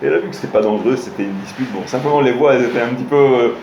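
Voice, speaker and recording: A rabbi racing along in a medium-pitched, slightly mellow voice gives a relaxed Torah lesson. He addresses listeners directly and tells stories with many hesitations and restarts. There's a little hiss or hum, and the roomy room has faint ambience.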